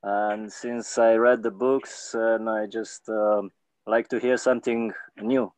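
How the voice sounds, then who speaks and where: A man from Slovenia, a native Slovenian speaker, talking hesitantly in English with many pauses and fillers. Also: on the low side, little pitch movement, darkish tone, dry recording, rough recording. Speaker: participant.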